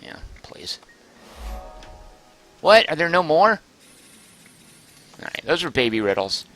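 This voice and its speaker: A man streaming a game live, chatting excitedly, thinking aloud and reading chat messages aloud, close to his microphone. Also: on the high side, slow, faint music behind. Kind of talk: live gameplay commentary.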